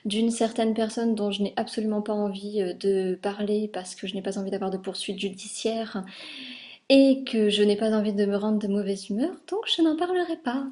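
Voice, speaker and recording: This young French sewing vlogger casually walks through her handmade garments, filling her speech with fillers as she points out details. Her mid-range voice is dark in tone and level, delivered at a moderate pace.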